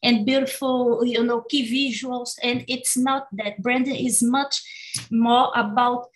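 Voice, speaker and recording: A woman's voice: fairly high pitch, fairly even intonation, slow pace, low-quality recording. Woman explaining branding, searching words. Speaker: brand marketing specialist. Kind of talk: expert comment in interview.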